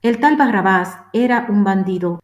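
Woman scripture reader, solemn and measured, roomy echo. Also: medium pitch. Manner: steady, measured delivery. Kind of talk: solemn liturgical reading.

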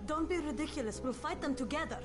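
An actress voicing a sharp-tongued young woman survivor who scolds and urges, over game music. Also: sits high, expressive, fast. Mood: urgent. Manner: scolding, urgent.

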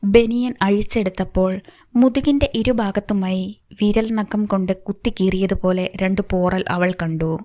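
A woman narrating a novel in a steady, measured reading voice. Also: medium pitch. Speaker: audiobook narrator. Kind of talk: scripted narration.

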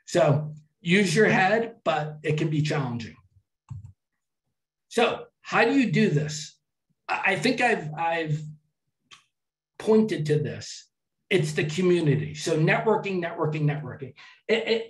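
A man's voice: high-pitched, sing-song, measured pace. Chatty man speaking in an echoey hall. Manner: chatty storytelling with restarts. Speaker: travel speaker. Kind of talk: public talk to an audience.

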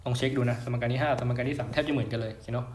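A man's voice: medium pitch, fairly even intonation, racing, a little mellow. A young man tutoring physics in a casual, chatty way, often checking in with his listeners. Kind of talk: casual lecture over a whiteboard. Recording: roomy echo.

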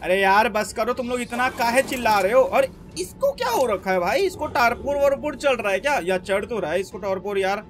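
A young man from India talks through a survival game in loose, excitable commentary, and his voice sits unusually high. He keeps talking to himself and his in-game creature, firing off quick exclamations, while a faint hiss of noise runs underneath. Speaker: gaming YouTuber. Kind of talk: casual gameplay commentary.

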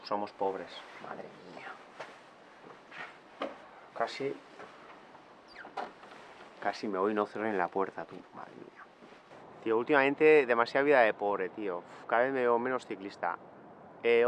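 A man's voice: fairly low pitch, moderate pace, pauses often, slight background noise. Male, thirties, breezy joking cyclist vlogging outdoors on camera. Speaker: mountain bike racer. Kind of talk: casual vlog chat. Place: outdoors on a hillside.

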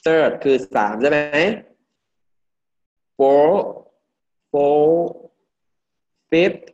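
A male English teacher from Thailand giving a classroom pronunciation lesson, drilling words slowly and repeating each one for the class. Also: on the high side. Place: classroom with students. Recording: dull lo-fi classroom recording.

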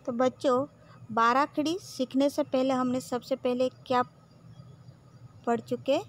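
Slow, patient woman teacher. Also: high-pitched, fairly even intonation, a little hiss or hum. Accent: Gujarati. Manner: patient, drills syllables one by one with frequent "okay". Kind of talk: slow classroom lesson.

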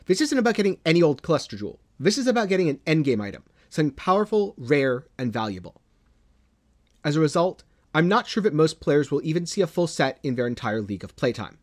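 A man hosting a gaming channel, giving scripted news commentary in a measured way, dropping low and dramatic at the ends of phrases. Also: lively intonation. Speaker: gaming video host.

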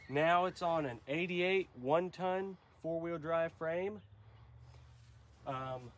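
A young man hosting a casual truck vlog, rambling and unsure, with frequent ums. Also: on the high side. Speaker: vlog host.

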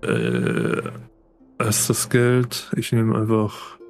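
Guy doing a laid-back let's play, hesitant, unsure of names, mid voice, soft game music behind. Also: mid-range voice, expressive, unhurried. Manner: hesitant, unsure of name pronunciations. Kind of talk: casual game commentary.

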